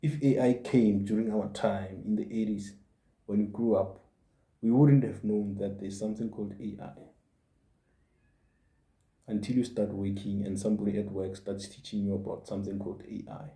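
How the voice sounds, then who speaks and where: A man in his forties speaks as a podcast host in an earnest motivational monologue, going back over his points to drive them home. His voice is very dark and fairly low. The room around him echoes. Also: level tone, moderate pace. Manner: earnest, repeats points for emphasis. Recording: roomy echo.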